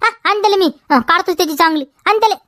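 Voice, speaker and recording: A woman's voice: very high voice, fast, fairly bright tone, dry recording, clean studio sound. Woman playing a bickering village wife. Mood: defiant. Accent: Vidarbha Marathi. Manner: argumentative, repeats questions, tags "हा?". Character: quarrelsome village wife denying theft. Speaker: comedy sketch actor. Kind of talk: village comedy sketch.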